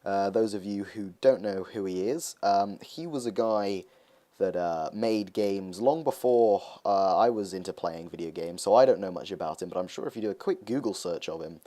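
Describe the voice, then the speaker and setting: A man's voice: deep voice, moderate pace, mellow. Hesitant young man narrating gameplay. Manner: rambling, many "uh" and "um" hesitations. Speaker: gaming video host. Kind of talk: casual gameplay commentary.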